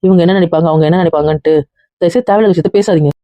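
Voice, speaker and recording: A woman plays a stern relative who firmly shuts down the argument. She speaks fast in a lowish voice, and the recording is muffled. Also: dark tone, dry recording, lightly acted. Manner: firm, scolding. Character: stern female relative, firm. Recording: muffled lo-fi sound.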